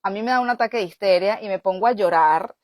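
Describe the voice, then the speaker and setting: A woman, a spiritual healer telling a personal story in an animated way, often checking in with her listeners. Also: medium pitch, quick pace, no room sound, clean studio sound.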